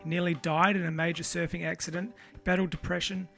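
A man's voice: on the high side, flat delivery, quick pace, creaky, a bit bright, faint music behind. A man hosting a podcast in an informal, enthusiastic and unpolished conversational way. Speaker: podcast host. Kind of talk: casual chat with spoken introduction.

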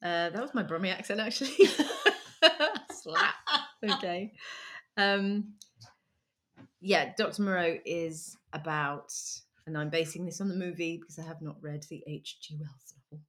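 A woman's voice: lowish voice, normal speed, a bit bright. A woman hosting a casual music chat, giggly and rambling with lots of ums. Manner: chatty, giggly, trails off with ums. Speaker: podcast host.

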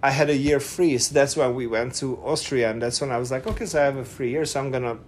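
With slight background noise, a middle-aged Hungarian guest talks fast in a casual interview, his medium-pitched voice fairly even. His Hungarian accent comes through as he stumbles over fillers and restarts, laughing often.

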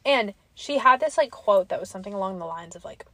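A woman's voice: medium pitch, expressive, fast, a bit bright, dry recording. Young woman podcast co-host, rambling chat. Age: young adult. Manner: rambling, filler-heavy, lots of "like". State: slightly losing her voice. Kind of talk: casual chat. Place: quiet street.

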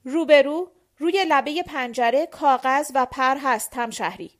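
A woman voicing an officious young male guard in a storybook reading, speaking in loud, clipped demands. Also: sits high, voice pushed up, lightly acted. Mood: brusque.

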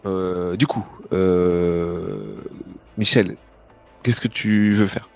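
A man's voice: low-pitched, steady tone, very slow, gravelly, soft background music. A man narrating as game master of a tabletop game in a loose, chatty way. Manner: loose, chatty, many fillers.

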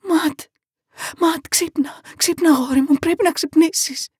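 A woman's voice: very high-pitched, a little mellow, no room sound, studio quality, voice pushed up. Woman acting a frantic mother screaming for help. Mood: panicked pleading. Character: terrified mother trapped in sinking car. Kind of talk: dramatic horror audiobook.

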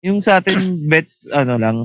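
A man's voice: a little high, expressive, normal speed, a bit bright, dry recording. A man in casual chat, asking questions and teasing his friends.

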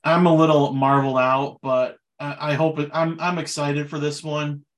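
A man co-hosting a podcast, chatting casually about movies in a relaxed way with loose fillers. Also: on the high side, moderate pace. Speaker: podcast co-host.

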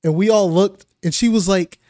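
A young man co-hosting a podcast, animated when telling stories and quick with affirmations in casual chat. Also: high voice, no echo, studio quality. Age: young adult. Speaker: podcast co-host.

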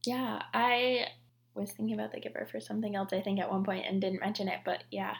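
A woman's voice: mid-range voice, level tone, brisk, creaky. A woman co-hosting a podcast, chatting casually about scripture and fiction, with lots of "like" fillers. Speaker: podcast co-host.

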